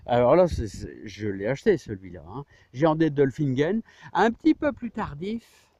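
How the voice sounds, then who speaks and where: Outdoors in his orchard, a middle-aged amateur grower gives an enthusiastic, casual tour of his trees. His medium-pitched voice is very animated and dark-toned at a normal speed, and he rambles hesitantly, repeating himself and adding little tags. The audio is dull, with no echo.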